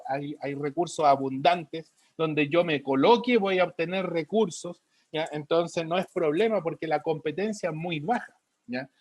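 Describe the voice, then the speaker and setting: A man's voice: a little high, no echo. A male biology teacher, giving a recorded class and checking in with a repeated "ya?" while writing on the board. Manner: repeats a questioning "ya?" after each point; writes on a board while talking, drifting from the mic.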